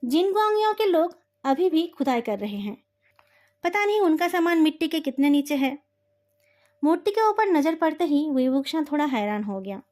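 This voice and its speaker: A woman narrating a romance novel retelling as a steady storytelling reading. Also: sits high, normal speed.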